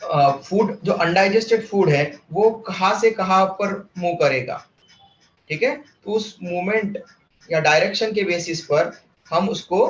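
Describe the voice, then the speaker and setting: A man with a fairly high voice teaches a biology lesson. He explains step by step and keeps asking his students questions. He is picked up from a distance in an echoey classroom with a muffled sound. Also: a bit bright. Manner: mixes English terms into Hindi.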